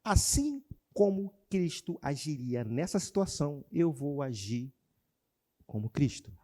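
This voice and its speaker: A man preaching to his congregation with a lively, swooping voice that sits a little high. He calls out questions and asks the people to repeat his words, moving from loud exclamations to quiet, low passages. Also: a little slow. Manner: animated preaching, calls out to the congregation, shifts between shouting and quiet. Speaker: pastor. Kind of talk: sermon. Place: church.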